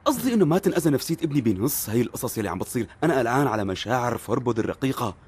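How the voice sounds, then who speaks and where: A man's voice: medium pitch, big pitch swings, rapid-fire, darkish tone, husky. An actor with a Syrian accent playing a fretful, defensive middle-aged divorced father who talks over others and protests. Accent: Syrian Arabic.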